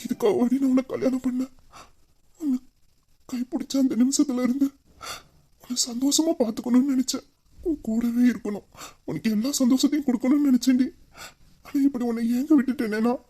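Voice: high-pitched, fairly even intonation, fairly quick, pauses often, warm tone, slightly rough. A performer voicing a young husband in an audio drama who misses his wife, talking in an emotional, intimate way. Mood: tender.

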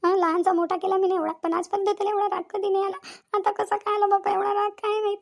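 Woman doing a cartoon daughter-in-law, very high voice, tearful, pleading, repetitive. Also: little pitch movement, fast talker, gravelly. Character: anxious young village daughter-in-law, tearful, guilty. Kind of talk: cartoon voice acting.

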